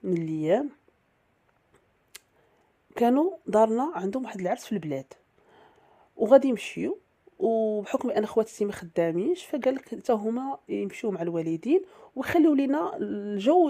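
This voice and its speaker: A woman with a Moroccan accent tells a first-person story at a brisk clip. Her voice is mellow and soft-edged. She talks in a chatty way, full of fillers and quick restarts. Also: mid-range voice.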